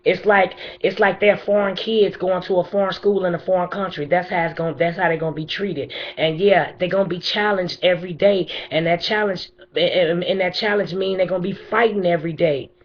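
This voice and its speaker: A woman's voice: lowish voice, steady tone, a little fast, hardly any pauses, lo-fi sound. A middle-aged woman making an unscripted spoken appeal in a plain, insistent, emphatic way. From Chicago, USA. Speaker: bereaved mother addressing the mayor.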